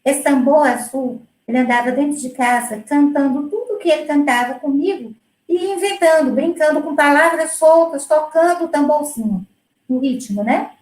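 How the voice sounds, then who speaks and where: A middle-aged woman, a music educator, talking through her work in a relaxed, explanatory way with many fillers and restarts. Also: sits high, normal speed, reverberant, poor audio. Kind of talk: conversational presentation.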